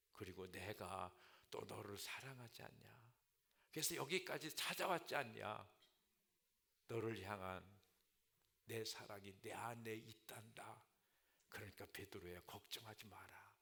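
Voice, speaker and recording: Man doing a soft, tender comforter, quiet and low, reassuring a sorry friend in a sermon. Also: normal speed, vocal fry.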